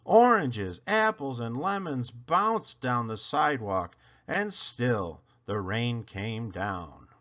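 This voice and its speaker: A man reading a children's picture book aloud, expressively and with dramatic pauses. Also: medium pitch, sing-song, a bit bright, dull audio. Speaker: read-aloud storyteller.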